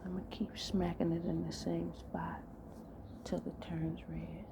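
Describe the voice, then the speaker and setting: A woman voicing a dominant man whispering slow commands to his lover in a whispered role-play. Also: lowish voice, little pitch movement, gravelly. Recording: noisy background.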